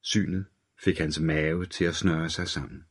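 Man, audiobook narrator, very deep voice, steady dark thriller narration. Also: husky.

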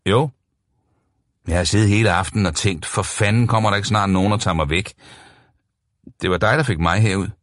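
A man's voice: fairly low pitch, pauses often, a bit bright, no room sound, studio quality, lightly acted. A man voicing a guarded young woman at a nightclub, speaking curtly in a raised voice.

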